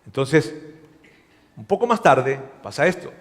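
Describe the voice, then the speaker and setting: A male pastor preaching a sermon, telling the story in an animated way and acting out the dialogue. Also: medium pitch, measured pace. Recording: long hall reverb.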